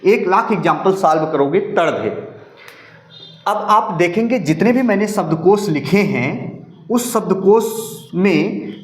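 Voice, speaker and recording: A man teaching Hindi grammar for exam prep, in a fairly high voice that rings around an echoey room. He explains step by step, repeating each rule and talking straight to his students. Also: expressive, unhurried. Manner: repeats and drills rules, addresses viewers as students.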